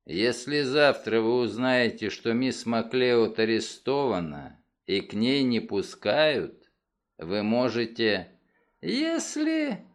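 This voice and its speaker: A man doing a coolly measured detective. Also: mid-range voice, very animated, voice pushed down. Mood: calm. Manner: measured, unhurried, coolly persuasive.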